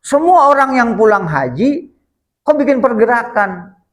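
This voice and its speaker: High-voiced ustadz telling a lively lecture. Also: male voice, measured pace. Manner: lively storytelling, addresses listeners as "Pak". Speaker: ustadz, religious teacher. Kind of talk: religious study lecture. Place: prayer room.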